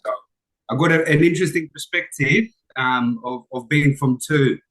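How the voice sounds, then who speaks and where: A man's voice: a little high, moderate pace, low-quality recording. A middle-aged man from Israel, a guest talking casually on a call with frequent ums and restarts. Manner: relaxed, hesitant with frequent fillers. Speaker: interview guest. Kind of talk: casual conversation.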